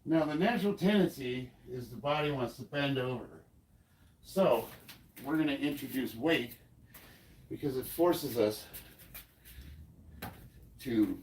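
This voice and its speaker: Pausing often and speaking unhurriedly, a powerlifting coach in his 50s with an American accent rambles through a training session for a casual vlog, trailing off mid-thought. He's congested and short of breath, his medium-pitched voice animated and a little mellow. Poor audio with slight background noise.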